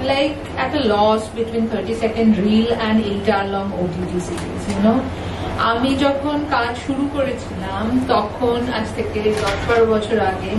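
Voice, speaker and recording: A woman on a book launch panel, speaking in a thoughtful, candid and self-deprecating way, mixing Bengali and English. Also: a little high. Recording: echoey room, distant mic, noisy.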